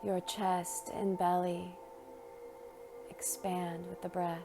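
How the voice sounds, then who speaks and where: With music underneath, a woman talks listeners through a meditation in a slow, tender way, letting long pauses fall between phrases. Her voice runs somewhat low, with little pitch movement.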